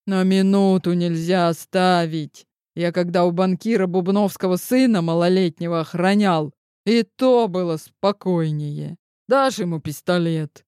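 A man's voice: high-pitched, darkish tone, smooth, dry recording, studio quality. A man doing a rambling, grumbling bodyguard. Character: chatty male bodyguard, ex-commando, grumbling. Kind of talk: audiobook reading.

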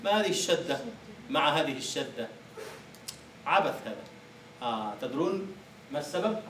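A man's voice: on the high side, expressive, moderate pace, heavy background noise. A male university lecturer teaching a class, explaining by asking the students questions and answering them himself. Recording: echoey room from far off.

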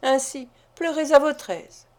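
A woman's voice: high-pitched, a little slow, a little mellow, pitched above the performer's own voice. A woman reading an audiobook, voicing a pompous, self-important man who plays the domineering husband in a blustering, lordly way. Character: pompous self-important male parish beadle.

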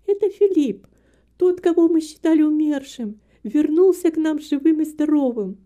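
A woman's voice: high voice, steady tone, a little slow, mellow, voice pushed up. A woman reading an earnest, tender young woman in an audiobook, with a raised, fervent, pleading manner.

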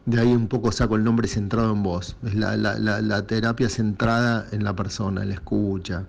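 A man with an Argentine Rioplatense Spanish accent hosts a casual, reflective monologue, encouraging his listeners as he speaks directly to them. His voice is fairly low and gravelly, delivered flatly at a normal speed.

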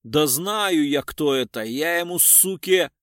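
A man voicing a shaggy, drunk male tramp who talks loud, brash and slangy. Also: on the high side, animated, a little slow, no echo, clean studio sound. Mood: mocking.

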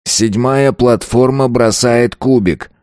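A man voicing a mechanical announcer that proclaims results in measured statements. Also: mid-range voice, darkish tone, no echo, clean studio sound, voice pushed up, close to an everyday voice. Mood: formal. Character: mechanical announcer voice of a tomb game.

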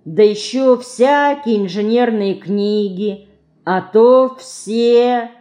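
A woman's voice: on the high side, unhurried, warm tone, pitched above the performer's own voice, close to an everyday voice. A woman reading an audiobook, voicing an earnest, sensible schoolgirl who is the older sister.

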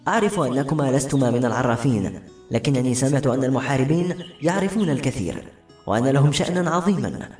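A man's voice: medium pitch, expressive, fast talker, darkish tone, reverberant, faint music behind, lightly acted. A man voicing an innocent, eager young fisherman's son in an audiobook, asking questions. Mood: earnest.

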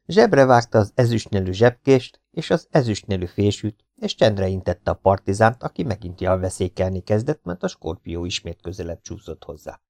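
A male audiobook narrator with a low voice who reads calmly and lets his sentences fall away softly. He is close to the microphone in a dry, dead room. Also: gravelly, hardly any pauses, no echo. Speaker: audiobook reader.

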